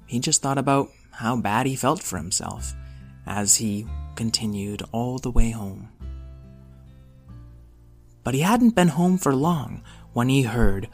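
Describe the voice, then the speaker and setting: A storyteller narrating a children's tale in a playful manner with simple phrasing. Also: medium pitch.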